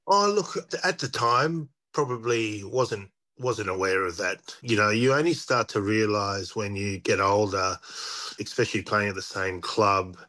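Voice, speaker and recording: A man, a former rugby player talking as an interview guest in relaxed, reflective stories full of restarts. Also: lowish voice, measured pace. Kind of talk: casual interview chat.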